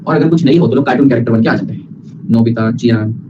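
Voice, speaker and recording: A male teacher giving a lively lecture, mixing Hindi and English and acting out students' replies. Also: medium pitch. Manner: fast, playful, mixes Hindi and English, acts out students. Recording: lo-fi with background hiss.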